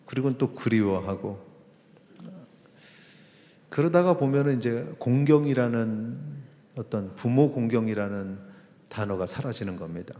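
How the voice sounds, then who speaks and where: A man, a pastor, preaching a sermon in a conversational way, with pauses and acted-out quotes. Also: medium pitch, warm tone. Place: church sanctuary. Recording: long reverb of a church hall.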